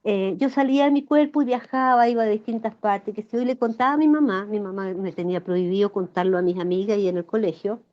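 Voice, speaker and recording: Heard over lo-fi sound, a sixty-something woman with a Chilean accent talks quickly and with few pauses in a mid-range voice. She's a flower therapist guesting on a podcast, telling emotional stories as an animated storyteller.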